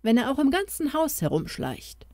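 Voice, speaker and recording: A small crowned mouse who was once an old king speaks in a raised, lively voice, as a woman reader puts him on. He comforts and urges gently, slowly and warmly, in this storybook tale. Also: high-pitched, no room sound, clean studio sound, voice pushed up, heavily acted. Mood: earnest, urging. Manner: comforting, urging.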